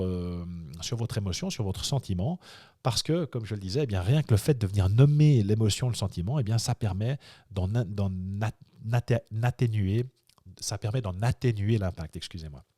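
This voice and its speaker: Coach guy teaching a workshop, lowish voice, dry sound, lots of euh and restarts. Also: darkish tone, no echo. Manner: hesitant, many fillers and repeated words; acts out example inner thoughts. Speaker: life coach. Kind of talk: video workshop lesson.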